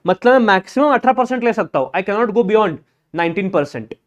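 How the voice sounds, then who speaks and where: A man's voice: sits high, lively intonation, normal speed, highs cut off. A man giving a classroom lecture, talking bluntly and informally, teasing his students as he works through steps. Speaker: accounting lecturer.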